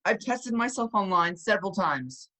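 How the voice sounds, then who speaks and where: Man as an anxious casting director, pleading, bright, lively pitch. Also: normal speed. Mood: fretful. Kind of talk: online amateur comedy sketch. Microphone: video call.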